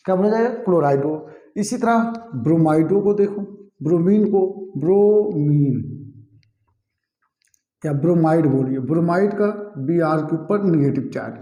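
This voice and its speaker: A man's voice: fairly high pitch, animated, normal speed, mellow, reverberant, dull audio. A man teaching a chemistry lesson, who keeps repeating key terms and quizzing his students with "what will it be called?". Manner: addresses students as "bhaiya" and "ji". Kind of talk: classroom lecture.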